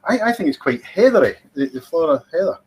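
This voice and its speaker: A man's voice: a little high, sing-song, fairly quick, slight background noise. A Scottish man hosting a whisky tasting, talking in a chatty, teasing way and savouring his descriptions. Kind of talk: casual tasting commentary.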